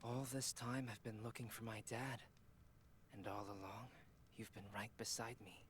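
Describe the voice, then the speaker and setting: A man's voice: lowish voice, moderate pace, fairly bright tone, slight background noise, close to an everyday voice. A man playing an earnest young son in video game cutscene dialogue. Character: earnest young man reunited with his father. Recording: music behind the voice.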